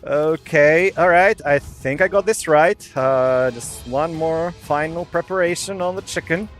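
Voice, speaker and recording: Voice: mid-range voice, unhurried, soft background music. A game master running a tabletop game on a live stream, chatty and often breaking into laughter.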